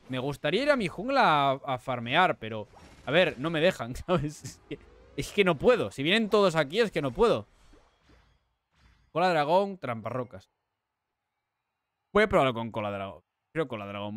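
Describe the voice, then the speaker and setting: Excitable Spanish gamer with a lively voice. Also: male voice, fairly high pitch, moderate pace, long pauses, no echo. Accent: Spain Spanish. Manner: excitable, repeats himself, bursts into shouts. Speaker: gaming streamer. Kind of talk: live gameplay commentary.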